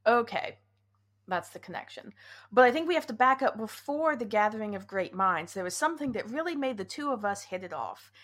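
A woman in her thirties co-hosting a relaxed podcast, spinning an anecdote in a chatty way and laughing easily. Her voice sits a little higher than usual. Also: brisk. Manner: storytelling, laughs often. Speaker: podcast co-host. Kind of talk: casual chat.

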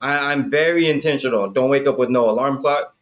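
A man's voice: medium pitch, brisk. A man in his thirties talking in a casual chat, profane and hyped, filling his talk with "bro" and "right?". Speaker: podcast guest.

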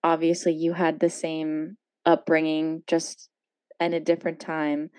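A woman's voice: low voice, completely flat delivery, a little slow, a little mellow, clean tone, no echo. A young American woman hosting a podcast and asking questions in a casual, chatty way. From San Francisco Bay Area, USA. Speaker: podcast host, interviewer. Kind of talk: casual chat.

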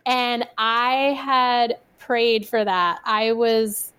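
A woman's voice: a little high, steady tone, drawn-out words, a bit bright, smooth. A young adult woman telling her own story as a podcast guest, chatty, with a lot of "like". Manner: chatty, fills speech with "like". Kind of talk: personal storytelling in casual conversation.

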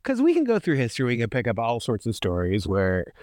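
A man's voice: huge pitch swings, fairly quick, a little mellow, dry recording, studio quality. A man co-hosting a casual film podcast, chatty and full of fillers. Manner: wide-swinging pitch, chatty with fillers. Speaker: podcast co-host.

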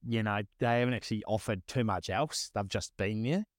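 A man's voice: fairly low pitch, fairly quick, dry recording, studio quality. A man with a broad New Zealand accent chatting casually, rambling and repeating his phrases in slangy talk. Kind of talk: casual chat.

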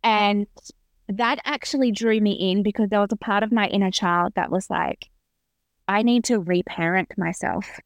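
A woman in her thirties, appearing as a podcast guest, speaks at medium pitch and normal speed about her own experience in a casual interview. She's earnest and reflective, often restarting her sentences. There's no room sound.

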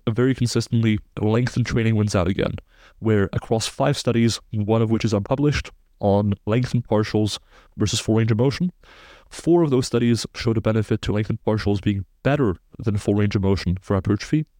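A man's voice: lowish voice, brisk, dark tone, dry recording, studio quality. A man in his twenties from Belgium, a sports science researcher, explaining studies precisely and technically as a podcast guest. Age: 20s.

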